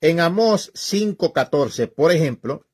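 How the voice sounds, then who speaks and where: A male preacher with a somewhat high-pitched voice who talks in a loose, conversational style. He is emphatic and scolding, and he hammers his points home with repeated phrases and direct asides to the listener. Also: animated, takes it slowly, husky. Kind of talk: informal preaching talk.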